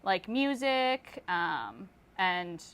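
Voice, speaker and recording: Her voice on the low side and smooth, a young woman artist from the Philippines and Toronto draws out her words while chatting casually in an interview. Relaxed, she leans heavily on "um" and "like."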